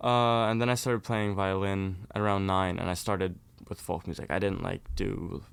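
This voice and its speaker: A man's voice: low-pitched, level tone, normal speed, vocal fry, clear, resonant tone. A young man from Norway, a folk musician, chatting casually as an interview guest and laughing easily.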